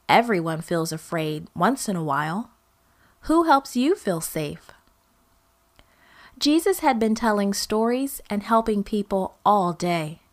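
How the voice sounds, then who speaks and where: Slow, expressive woman storyteller. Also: mid-range voice. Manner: warm, expressive, speaks directly to children. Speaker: children's storyteller. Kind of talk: children's Bible story narration.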